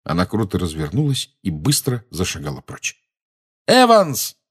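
A man narrating an audiobook in an even storytelling manner. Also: deep voice, normal speed. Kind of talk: audiobook reading.

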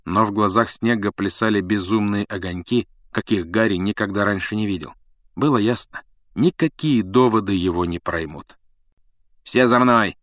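A man reading a story aloud as an audiobook narrator, in measured storytelling. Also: lowish voice, dry recording, studio quality. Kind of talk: scripted narration.

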